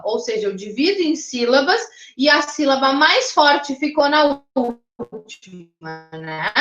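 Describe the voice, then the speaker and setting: High-voiced teacher in an echoey room. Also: female voice, sharp tone, highs cut off. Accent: Brazilian Portuguese. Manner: explanatory, checks in with "tá?" and "né?". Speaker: English teacher. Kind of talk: online class lecture.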